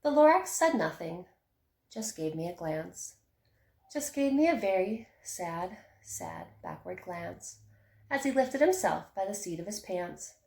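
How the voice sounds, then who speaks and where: Gravelly-voiced teacher reading a story aloud. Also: female voice, mid-range voice, measured pace. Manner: expressive, rhythmic storytelling. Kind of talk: reading a picture book aloud. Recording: echoey room.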